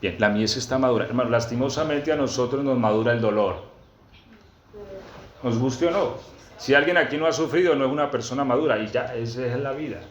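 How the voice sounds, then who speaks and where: A man preaching a sermon to his congregation, reading scripture slowly and often asking them questions. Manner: peppers teaching with questions to the congregation; reads scripture aloud slowly and emphatically. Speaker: pastor. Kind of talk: sermon teaching. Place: church gathering with a congregation. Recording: roomy, dull low-fi sound.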